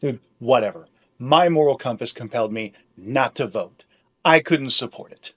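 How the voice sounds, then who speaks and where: A man's voice: mid-range voice, lively intonation, moderate pace, husky, voice pushed down. Man playing a dismissive protest voter, arguing with himself. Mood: defensive. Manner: arguing with himself in a staged two-sided debate. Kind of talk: scripted political argument skit.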